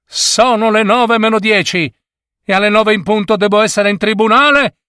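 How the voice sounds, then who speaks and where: A man voicing an irritable, hurried male lawyer in a storybook reading, talking in an urgent, complaining way. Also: high voice, fairly even intonation, bright, forceful tone, smooth, no room sound, clean studio sound, pitched above the performer's own voice.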